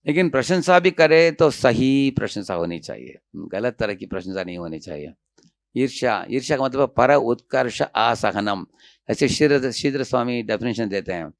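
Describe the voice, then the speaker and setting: A man's voice: mid-range voice, lively intonation, normal speed, dry recording. A man giving a devotional seminar talk in Hindi, telling stories with acted quotes and often checking in with his listeners. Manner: storytelling with acted quotes, frequent "haan?" checks. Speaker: devotional speaker. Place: seminar hall with audience.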